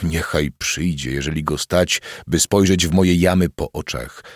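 A man's voice: extremely low pitch, a little slow, dry recording, clean studio sound. A man voicing a blind, raging old duke who wheezes and cackles bitterly, read as part of a storybook narration. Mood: bitter rage.

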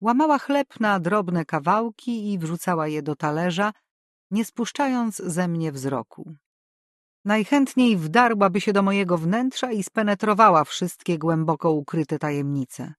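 A woman narrating a first-person novel as an audiobook, measured and expressive. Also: on the low side, no echo, clean studio sound.

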